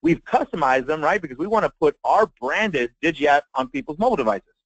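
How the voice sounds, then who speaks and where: An American man leading a live online sales training as a marketing trainer, with an emphatic, folksy pitch addressed straight to his listeners. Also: very animated, fast talker, fairly bright tone, dry recording. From Texas, United States. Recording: dull lo-fi web conference audio.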